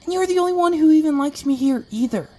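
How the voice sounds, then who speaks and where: In an amateur audio drama, a woman voices an earnest, wounded, one-eyed little male flying creature who is sincere and stubborn, with hurt feelings. Her high, expressive voice moves fast with a mellow tone, sounding hurt yet resolute.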